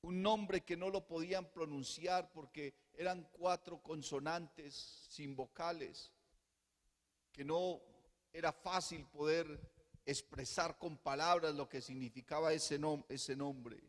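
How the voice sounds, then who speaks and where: Man preaching, hushed then booming, repetitive rhetorical lines, very slow, reverberant church hall. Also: steady tone. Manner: swings from soft hushed passages to loud fervent preaching; rhetorical repetition and calls of "hermano". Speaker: pastor. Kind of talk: sermon.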